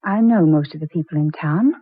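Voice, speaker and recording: A prim, curt librarian. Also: female voice, low voice, fairly quick, husky, no room sound. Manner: cool, curt and precise. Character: prim, stern small-town woman librarian. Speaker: town librarian. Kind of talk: 1940s radio acting. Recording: thin, tinny old radio recording.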